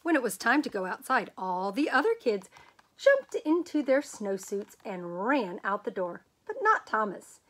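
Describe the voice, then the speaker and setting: A woman with a slightly high voice reads a children's picture book aloud like a storyteller. She gives the words expressive, dramatic emphasis and draws many of them out.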